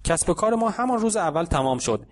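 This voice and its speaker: A man reading an audiobook story aloud in a calm, even narrating voice, giving the characters light voices in the dialogue. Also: high-pitched.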